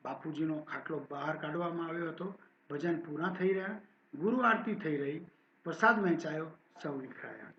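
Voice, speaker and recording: A man's voice: a little high, normal speed, dull audio. Male professor reading aloud in an echoey room. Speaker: college professor. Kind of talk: reading a literary text aloud and explaining it in a lecture.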